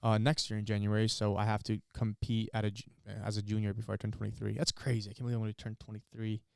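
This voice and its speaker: A man's voice: lowish voice, level tone, quick pace, creaky, no room sound, clean studio sound. A man in his early twenties co-hosting a podcast, talking in an earnest, motivational way. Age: 20s. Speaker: podcast co-host. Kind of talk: casual chat.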